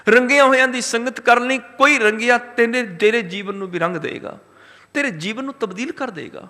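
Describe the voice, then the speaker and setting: High, bright-voiced male preacher. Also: big-room sound. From Punjab, India. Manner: chants scripture lines slowly, emphatic repetition. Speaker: Sikh preacher. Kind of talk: religious discourse.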